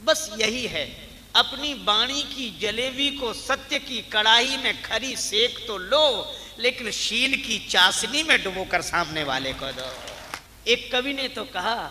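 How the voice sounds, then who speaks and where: A middle-aged man giving a devotional sermon, chanting verses and letting his voice swell for emphasis before dropping low. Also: lively intonation, slow pace, pushed and bright. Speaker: religious storyteller. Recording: long hall reverb with faint noise.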